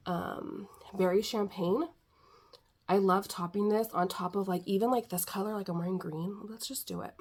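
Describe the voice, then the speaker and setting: A woman's voice: mid-range voice, creaky, a little mellow, breathy edge. Chatty middle-aged woman talking makeup. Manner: chatty, rambling with many fillers. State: a little winded. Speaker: beauty vlogger. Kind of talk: casual makeup chat.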